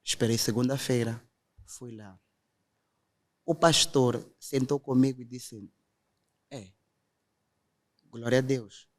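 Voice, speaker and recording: A man's voice: medium pitch, slow, pauses often. Young guy w/ telling his faith story, earnest, quotes people word for word. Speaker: guest telling his testimony. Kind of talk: emotional testimony in conversation.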